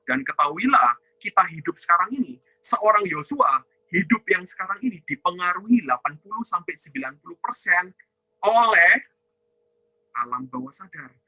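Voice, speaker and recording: A man's voice: high voice, expressive, moderate pace, bright, forceful tone, husky, no room sound, poor audio. A man giving a ministry teaching talk with slides, asking and answering his own questions, tagging lines with a questioning "ya" and addressing listeners as brothers and sisters. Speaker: ministry teacher on inner healing.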